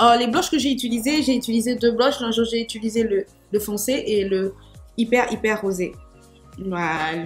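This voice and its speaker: Playful chatty woman doing makeup. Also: medium pitch. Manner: playful, self-mocking, chatty asides to viewers. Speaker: makeup vlogger. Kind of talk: casual makeup tutorial.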